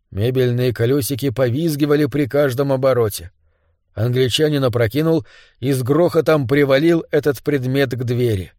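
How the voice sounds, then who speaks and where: A man reading a suspense story aloud in a measured, steady manner. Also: medium pitch, no echo, clean studio sound. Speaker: narrator. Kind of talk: audiobook narration.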